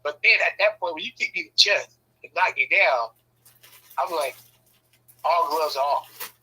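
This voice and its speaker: A man's voice: fairly high pitch, moderate pace, bright, forceful tone, husky, low-quality recording. A man casually telling a rambling, profane story, often checking in with "right?". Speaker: podcast host telling a story.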